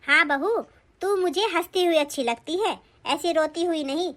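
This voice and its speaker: A woman's voice: very high-pitched, normal speed, a bit bright. A woman voicing a kindly, affectionate older mother-in-law in a Hindi cartoon, speaking in a soothing, motherly way. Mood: gentle.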